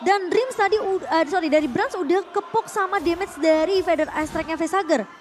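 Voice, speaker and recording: A woman's voice: extremely high pitch, fairly quick, soft background music. A woman with an Indonesian accent giving live analysis as an esports co-commentator.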